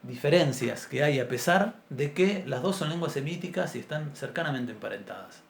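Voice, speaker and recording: Gravelly-voiced man teaching a class. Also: on the high side, animated, normal speed. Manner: patient, explanatory, clears his throat often. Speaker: Biblical Hebrew teacher. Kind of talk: introductory language class. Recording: roomy echo, faint background noise.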